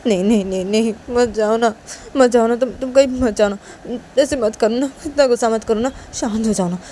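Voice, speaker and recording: A woman voicing Uma, a gentle young woman who softly pleads with her partner, repeating her words to calm them. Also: mid-range voice, fairly quick, a little hiss or hum, lightly acted. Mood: pleading. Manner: soft coaxing repetition.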